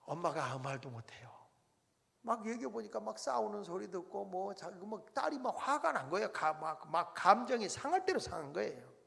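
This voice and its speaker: A high, gravelly male preacher tells a revival story with swooping intonation. He drops to near-whispers, then climbs back up. His voice rings through a long church reverb. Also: very animated, fairly quick, bright, forceful tone. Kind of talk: storytelling sermon. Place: large church sanctuary.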